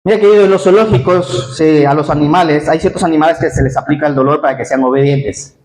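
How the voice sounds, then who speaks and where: A male pastor preaching a lively sermon, asking his congregation questions directly. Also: fairly high pitch, fast talker. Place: church hall; Spain. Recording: echoey church hall.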